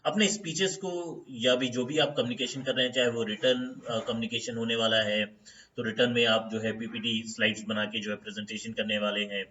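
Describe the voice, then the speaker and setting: A man in the role of an HR consultant talks viewers through workplace tips in a relaxed, chatty way, peppering his speech with "theek hai" and "uh." His voice is bright and forceful at a middle pitch, and he slows down to stress each step's English heading. The audio sounds somewhat dull and lo-fi. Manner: conversational, fills pauses with "theek hai" and "uh"; stresses English terms slowly when starting each step. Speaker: HR consultant, channel host. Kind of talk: informal lesson to camera.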